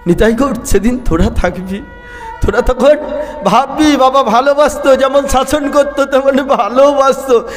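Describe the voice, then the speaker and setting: A man's voice: extremely high pitch, normal speed, in a large hall, pitched above the performer's own voice. A man doing a pleading old holy man. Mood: tender scolding. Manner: pleading, coaxing, cries out. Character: old devoted holy man, tender yet stern.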